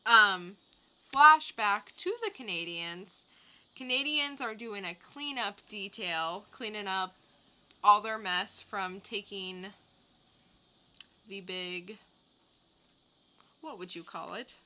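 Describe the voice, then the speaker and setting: Co-hosting a podcast about comics, a woman recaps and reviews in a casual, conversational manner. Her voice is medium-pitched with a sharp tone, and she speaks slowly, pausing often.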